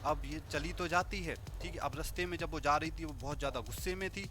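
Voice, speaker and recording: A man's voice: a little high, brisk, over music. A man with an Indian accent teaching homeopathy through an acted story, often repeating "okay" and speaking in short bursts. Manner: animated, acts out characters, repeats "okay". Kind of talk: storytelling lecture.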